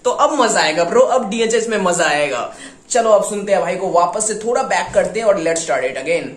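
A man hosting a music reaction video, talking with excitement and mixing Hindi with English slang. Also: high voice, moderate pace, reverberant. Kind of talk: casual reaction commentary.

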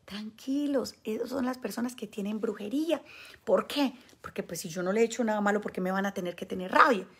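A woman's voice: mid-range voice, fairly quick, a bit bright, husky. A Colombian woman, a spiritual healer, speaking emphatically to her viewers. She stresses points by repeating words. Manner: acts out the people she quotes. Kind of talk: monologue addressed to viewers.

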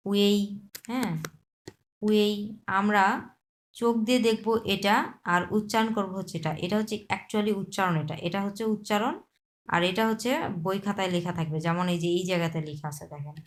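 A woman teaching a beginner Chinese class, patiently repeating and breaking down each word, mixing in English terms. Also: medium pitch. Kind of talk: explaining Chinese vocabulary in Bangla.

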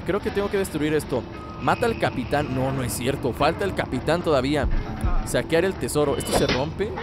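Young man, upbeat jokey gameplay host, slightly high pitch, game music underneath. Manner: joking, chatty, laughs often. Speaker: gaming channel host. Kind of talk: let's play commentary.

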